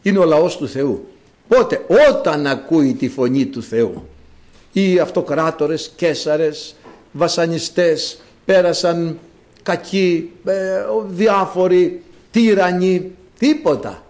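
A man with a fairly high voice gives a sermon. He reads scripture in a measured, chanting way, then preaches to his congregation as beloved brothers, often rising into emphatic bursts. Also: darkish tone. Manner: addresses listeners as beloved brothers. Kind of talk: sermon with psalm reading.

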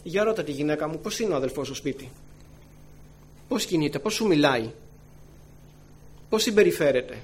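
A man who is a church elder preaching a sermon, earnestly addressing his brothers and sisters, swinging from loud emphatic phrases to soft low asides. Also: animated, pauses often. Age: adult with wife and children. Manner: earnest, often calls the listeners brothers and sisters.

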